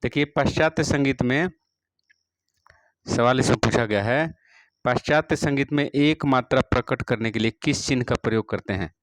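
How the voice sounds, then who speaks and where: A male music teacher reads practice exam questions and their answers one at a time, repeating each question and following every answer with a steady "all right", using the filler "theek hai ji". His medium-pitched voice moves at normal speed, and the audio is poor though it has no room sound.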